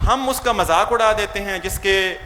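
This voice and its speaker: Bright-voiced Pakistani man lecturing teachers. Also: high-pitched, in a large hall, slight background noise. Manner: mixes Urdu with English words, asks the audience questions. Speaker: English teacher.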